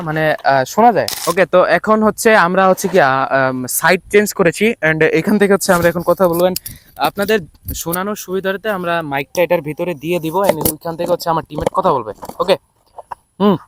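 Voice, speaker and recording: A man's voice: high-pitched, quick pace, slight background noise. A young man vlogging outdoors, chatting casually to his viewers with lots of fillers and restarts. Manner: talkative, fillers and restarts, shouts to a distant teammate. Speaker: YouTube vlogger. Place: outdoors in open ground.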